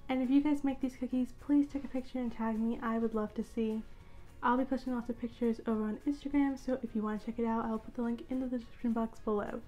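A woman's voice: fairly high pitch, steady tone, quick pace, warm tone, soft background music. A young woman hosting her own cooking channel, talking viewers through an easy recipe step by step in an upbeat, chatty way. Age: young adult. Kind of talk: friendly recipe tutorial. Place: indoor room at home.

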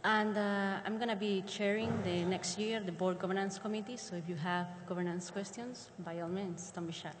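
A woman's voice: medium pitch, fairly even intonation, moderate pace, hardly any pauses, noisy background. A woman, a board member introducing herself in a friendly, inviting way. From Madrid, Spain. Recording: conference hall reverb.

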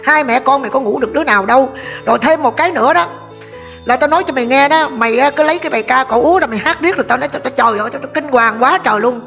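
A woman's voice: high-pitched, rapid-fire, vocal fry, fairly bright tone, faint music behind. A woman with a Southern Vietnamese accent, a vlogger giving gossip commentary, scolding and speaking straight to her viewers. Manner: scolding, addresses viewers directly.

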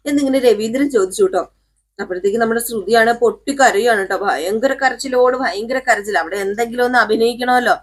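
A woman's voice: fairly high pitch, fast talker. A woman casually retelling a television serial, with chatty asides to listeners. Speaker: serial recap narrator. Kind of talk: casual storytelling recap.

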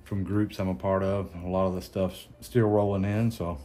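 A man with a Southern accent, hosting a casual unboxing chat in an unhurried, halting way with many ums and restarts. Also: low voice, little pitch movement, warm tone. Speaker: cigar channel host.

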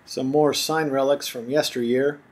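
Man, travel vlog voice-over, relaxed, chatty, tour-guide narration, mid pitch. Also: normal speed, a little hiss or hum.

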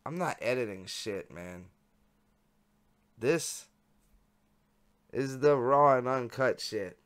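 A man's voice: mid-range voice, animated, slow, smooth. A man reading chat logs aloud in a casual, unedited way, breaking off to ramble and mock himself, swearing a lot.

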